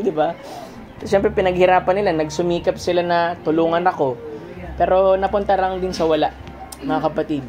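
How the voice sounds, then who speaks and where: A man's voice: high voice, darkish tone. A man in his thirties preaching a sermon in church, conversational, often chuckling at his own stories. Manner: conversational, keeps saying "mga kapatid" and "diba?". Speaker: pastor.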